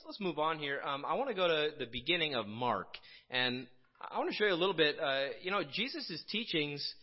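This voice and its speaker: Halting conversational male preacher, dull sound. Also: a little high. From Illinois. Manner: conversational, halting with many restarts and fillers. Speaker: pastor. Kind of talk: casual sermon.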